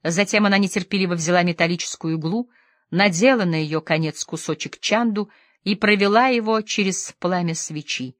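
A woman narrating a novel as an audiobook in a measured, dramatic way. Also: fairly low pitch, no echo, studio quality.

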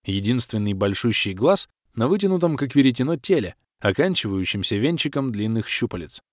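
A man narrating a first-person fantasy audiobook with wry, lively storytelling. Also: mid-range voice, a little fast, dry recording, studio quality.

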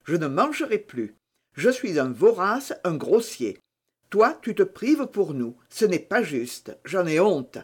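Woman reading as earnest farm laborer father, humble, lower and plainer. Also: big pitch swings, takes it slowly, slightly rough, exaggerated voice. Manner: earnest, self-reproaching. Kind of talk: audiobook character reading.

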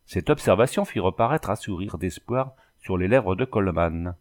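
A man narrating a literary audiobook in an expressive, animated reading. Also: low voice, moderate pace.

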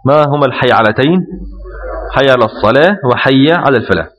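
A man's voice: medium pitch, fast, long reverb tail. A man teaching a lesson, reading passages aloud and then explaining them, often checking that his students follow. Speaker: Islamic jurisprudence teacher. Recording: slightly muffled lo-fi recording.

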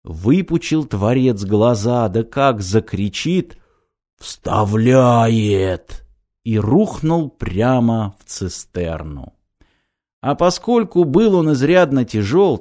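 A man reading a fairy tale aloud in a mock-solemn, expressive storytelling manner. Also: mid-range voice. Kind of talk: read fairy-tale narration.

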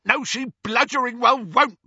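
A man voicing an uncouth, bullying male dark wizard who bellows and shrieks coarsely, in a slightly dull, dry recording. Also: a little high, big pitch swings, normal speed, husky, no room sound, voice pushed up, heavily acted. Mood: panicked.

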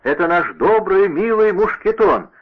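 Man playing a bold musketeer, loud and hearty, exclaims a lot, tinny radio sound. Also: medium pitch, expressive, husky, voice pushed up. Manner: exclamatory, brisk. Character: bold young male musketeer, impulsive, hearty.

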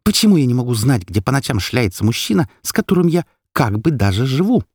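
A man voicing a jealous, furious young woman heroine who shouts sharp accusations at her lover in an audiobook story. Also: mid-range voice, sing-song, fairly quick, breathy edge, no room sound, clean studio sound, voice pushed up. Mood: angry.

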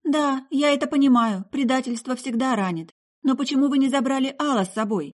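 A woman's voice: high-pitched, brisk, a little mellow, voice pushed up. Woman doing a prying young soul healer. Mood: coaxing. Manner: eager, pressing with questions.

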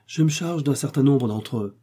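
A steady, practical big-game hunter from a storybook adventure, read by a man. He talks plainly and firmly in a dark, husky tone. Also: mid-range voice, moderate pace, pitched above the performer's own voice, natural voice. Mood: resolute.

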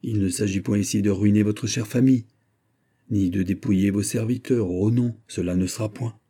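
A man voicing a young king who speaks gravely and firmly, with a touch of irony, in a husky voice. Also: on the low side, fairly even intonation, moderate pace, mellow. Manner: grave, firm, slightly ironic. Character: young king, grave beyond his years.

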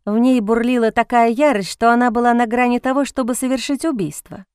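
Woman narrator, audiobook, dramatic reading, smooth clear voice, close dry studio sound. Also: fairly high pitch, steady tone, fairly quick, darkish tone, dry recording.

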